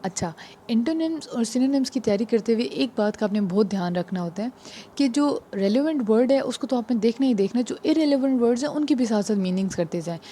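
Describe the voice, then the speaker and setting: Brief: female tutor, mellow and patient, slows down on key words, faint noise behind. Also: a little high. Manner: patient, repeats "ठीक है" often. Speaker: exam prep teacher. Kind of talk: casual explanatory lesson.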